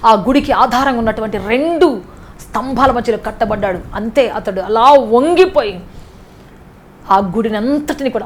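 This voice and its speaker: Fervent high-voiced woman preacher. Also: slight background noise. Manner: fervent, rising to impassioned cries in prayer. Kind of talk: sermon and prayer.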